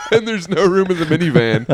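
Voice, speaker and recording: A man's voice: high-pitched, huge pitch swings, normal speed, a little hiss or hum. A young man co-hosting a comedy podcast in casual chat, crude and joking, laughing often. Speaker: podcast co-host.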